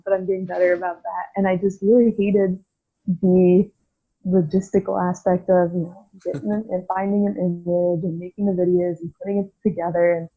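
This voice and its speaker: A woman in her twenties, a physical therapy student and podcast guest, talking frankly and thoughtfully in casual conversation, laughing easily. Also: mid-range voice. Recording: tinny phone-like line.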